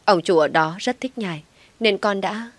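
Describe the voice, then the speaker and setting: A woman's voice: medium pitch, normal speed, no echo, lightly acted. A woman voicing a guilt-ridden young woman who pleads through sobs, in a storybook reading. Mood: pleading. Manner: pleading, sobbing.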